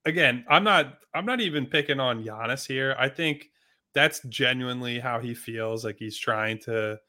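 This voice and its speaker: A man with a bright, forward voice makes his case on a sports podcast. He talks bluntly and emphatically, restarting sentences and swearing freely as he pushes his opinion. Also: medium pitch, moderate pace. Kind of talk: casual sports debate.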